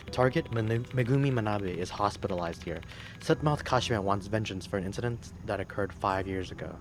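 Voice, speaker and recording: A man playing a horror video game, reading the narration aloud in a low-key way with casual comments in between. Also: noisy background. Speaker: let's play gamer.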